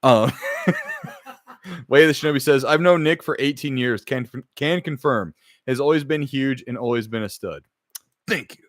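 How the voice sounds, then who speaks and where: A man's voice: medium pitch, normal speed, dry recording, clean studio sound. A man co-hosting a gaming podcast, chatting casually, rambling and reading out chat comments with the odd swear word. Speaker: podcast co-host.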